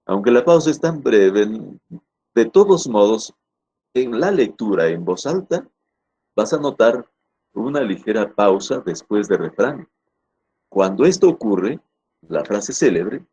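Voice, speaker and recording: Low, mellow male teacher explaining grammar. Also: slightly rough. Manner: repeats and rephrases points, asks "¿correcto?" to check understanding; deliberate, stresses key words. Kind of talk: recorded grammar lesson.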